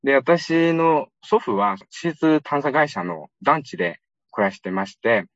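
A man from Xinjiang, China, giving a lively, conversational public lecture with frequent fillers. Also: mid-range voice, measured pace, no room sound. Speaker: guest lecturer. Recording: dull lo-fi recording, dry.

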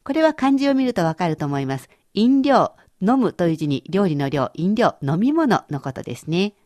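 A woman teacher explains vocabulary on a radio language lesson, patient and careful as she breaks each word down. Her voice sits a little low but swings widely in pitch. The studio sound is close and dry. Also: very animated, normal speed, dark tone, no room sound.

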